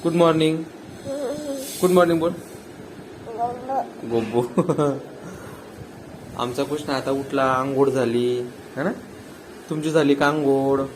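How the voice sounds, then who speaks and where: A man in a casual home video, coaxing a toddler in a playful sing-song voice that climbs high on his questions and breaks into laughter. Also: fairly even intonation, slow pace, long pauses, a little hiss or hum, low-quality recording. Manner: laughs warmly between prompts. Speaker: family vlogger filming a toddler.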